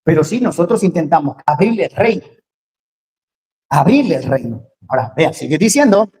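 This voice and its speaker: A woman preaching a sermon in a lively, joking way, acting out the voices she quotes. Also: sits low, moderate pace, a little hiss or hum.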